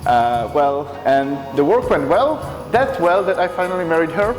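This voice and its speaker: A man explains his company, repeating words as he gropes for the right English. His voice is slightly high. A lingering reverb and background music fill the recording. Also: expressive. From Czech Republic. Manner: halting, repeats words while searching for them. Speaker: company co-founder.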